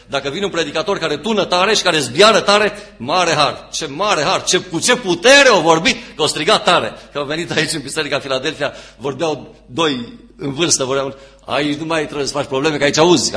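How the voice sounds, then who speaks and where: A man preaching a sermon as pastor, stressing phrases with repetition and dropping to quiet, low asides. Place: church.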